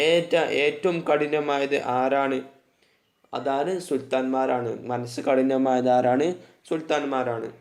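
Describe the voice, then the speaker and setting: A man with a Malayali accent teaching an Arabic class, reading Arabic lines slowly and then explaining each phrase. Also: medium pitch, roomy sound. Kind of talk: online class lesson.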